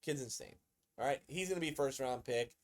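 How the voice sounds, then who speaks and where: A man hosting a casual sports commentary video, excitable and conversational, often repeating himself. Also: mid-range voice, a little fast.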